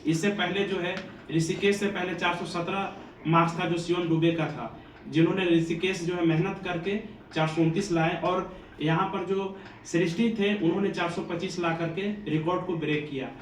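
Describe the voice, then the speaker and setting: Earnest high-voiced man from Bihar. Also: fairly even intonation, moderate pace. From Bihar, India. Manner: earnest, devotional, preachy. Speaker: coaching institute teacher. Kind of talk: motivational address to students. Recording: echoey room, distant mic, faint ambient noise.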